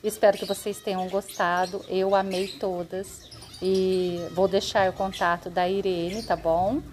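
A woman's voice: mid-range voice, flat delivery, unhurried, darkish tone, slight background noise. A woman in a casual unboxing vlog, gushing over each plant she shows, filming one-handed on a phone at home. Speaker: gardening vlogger. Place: home, neighbors heard. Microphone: handheld phone, recording one-handed.

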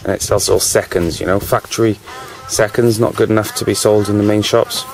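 British male vlogger, low voice, easygoing rambling chat, faint music underneath. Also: fairly even intonation, a little fast, gravelly, darkish tone, low-quality recording. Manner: rambling, full of "you know", talking with a cigarette in his mouth.

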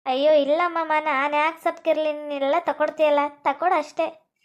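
A woman's voice: high voice, little pitch movement, moderate pace, muffled recording. A woman playing a vain, scheming second wife in a comedy skit, with a coaxing, sugary manner.

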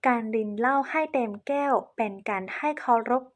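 Lady teaching in thai as a foreigner, a bit halting, polite, highish voice. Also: steady tone. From China. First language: Chinese. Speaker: presenter on cultural etiquette. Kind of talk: explanatory lesson to camera.

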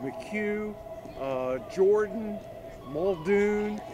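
A man interviews players after a game with enthusiastic, stat-heavy questions. His voice sits high for a man. Music plays clearly behind him. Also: expressive, drawn-out words. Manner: enthusiastic, leading questions with stats. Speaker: sports interviewer.

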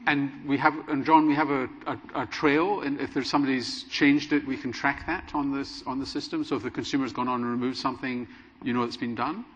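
A man's voice: mid-range voice, steady tone, brisk, a bit bright, husky. A middle-aged man moderating a conference panel, asking probing, leading questions and giving the closing remarks. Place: large conference hall stage. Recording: dull sound with hall reverb.

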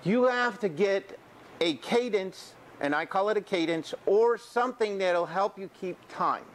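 A man's voice: sits high, animated, a little slow. Older man teaching welding in a shop. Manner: folksy, repeats "okay" and checks in with students. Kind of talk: classroom instruction. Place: school welding shop and classroom, indoors.

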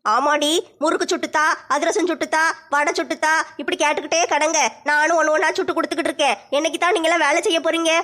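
A woman's voice: high-pitched, steady tone, fast talker, fairly bright tone, voice pushed down. A woman playing a nagging, scolding elderly mother-in-law in a comedy skit. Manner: scolding, complaining.

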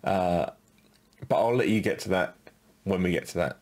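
A man co-hosting a podcast, talking in a relaxed, halting way as he thinks aloud. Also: low-pitched. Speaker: podcast co-host. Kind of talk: casual podcast commentary.

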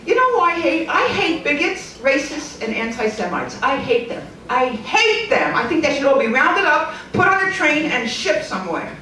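A comedian in her forties performs a stand-up set on a club stage with a handheld mic, her high voice swooping as she lands wry, deadpan punchlines at normal speed with few pauses. She is captured from far back in the roomy club, surrounded by audience laughter and room noise.

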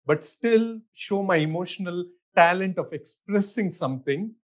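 With a high-pitched, expressive voice at moderate pace, a middle-aged Indian-accented architect takes interview questions as a guest, staying easygoing. Fillers, restarts, thinking out loud, and frequent laughter mark his speech.

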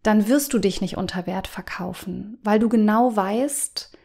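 A woman hosting a coaching podcast, talking straight to the listener in a calm, encouraging, guiding manner. Her pitch sits in an ordinary middle range, and now and then a phrase drops softly toward a whisper. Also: measured pace, vocal fry. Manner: gentle, guiding, addresses listener directly. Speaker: business coach and podcast host.

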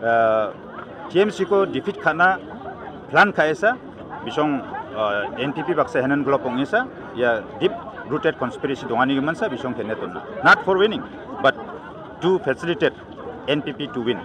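Outdoors at an evening event, a middle-aged political candidate with a Northeast Indian accent argues his case emphatically to the press, mixing in English. His voice sits at medium pitch, animated, at normal speed. Handheld news microphones are held close, and the busy crowd around him is audible in the background.

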